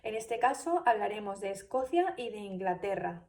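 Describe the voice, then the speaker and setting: A woman's voice: medium pitch, animated, normal speed, a little mellow, far from the mic. A woman giving a spoken class presentation, hesitant, with many fillers and restarts. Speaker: student presenter.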